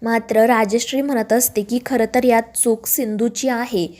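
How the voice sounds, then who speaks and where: Woman narrating a serial recap, slightly high. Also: moderate pace. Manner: steady storytelling, reading quoted dialogue in the same voice.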